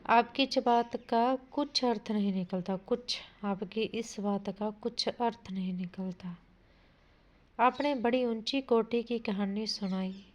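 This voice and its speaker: A woman's voice: a little high, slow. A woman teaching an exam-prep grammar lesson. She reads out sentences, asks what a word means, corrects it, and calls her listeners "bhai". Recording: dull lo-fi audio.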